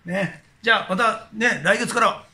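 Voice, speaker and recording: A middle-aged man presenting to a handheld camera in a hotel room, animated and jokingly scolding in casual chat. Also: high voice, moderate pace, creaky, reverberant, noisy background. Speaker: prankster presenter, DJ.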